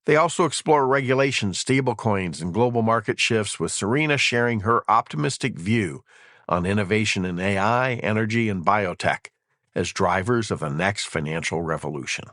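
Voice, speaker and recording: A man hosting a podcast, reading a scripted introduction in a measured, announcer-like way. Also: lowish voice, animated, no echo. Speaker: podcast host. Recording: dry studio voice with soft music behind.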